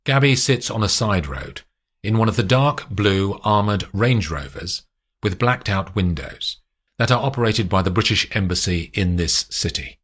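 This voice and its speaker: A male narrator reading a spy audiobook in a steady, descriptive way. His voice is low, yet his pitch moves expressively from line to line. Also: moderate pace.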